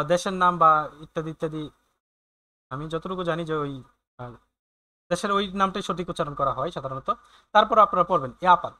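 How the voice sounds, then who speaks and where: Man, German tutor, high-pitched, very bright tone, hesitant fillers, repeats words. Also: no room sound. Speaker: German language teacher. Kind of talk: explaining a German coursebook in Bengali.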